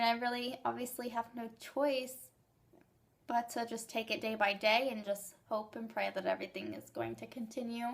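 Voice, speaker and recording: A young woman talking casually to her viewers in a rambling, excited and emotional way, with hiccups. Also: on the high side. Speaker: vlogger sharing fertility journey. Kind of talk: casual vlog.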